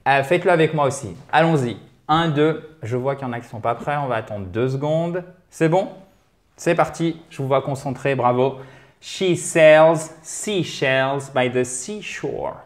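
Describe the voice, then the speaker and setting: A man's voice: mid-range voice, normal speed. A man hosting a language lesson, chatty and encouraging as he explains pronunciation with energy. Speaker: language teacher and host. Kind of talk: lively video lesson.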